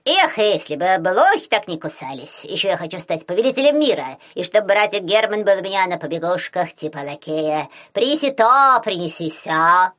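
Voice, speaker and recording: A woman voicing a squeaky, cowardly male werewolf who wheedles and boasts. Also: big pitch swings, normal speed. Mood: gleeful.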